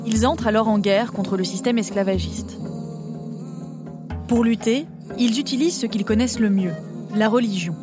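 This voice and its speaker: A woman's voice: on the high side, normal speed, music in the background. A woman narrating a scripted history documentary with conversational touches.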